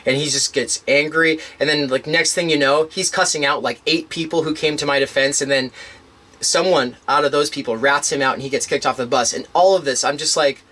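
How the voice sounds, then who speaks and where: A man telling a long personal story in casual conversation, rambling with restarts and fillers, animated as he retells events. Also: a little high, a little fast. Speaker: interviewee.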